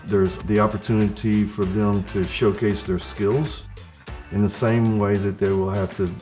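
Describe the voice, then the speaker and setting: A calm, measured man speaks as a company executive in an interview. His voice is low and warm, with a faint music bed under it. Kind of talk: interview soundbite.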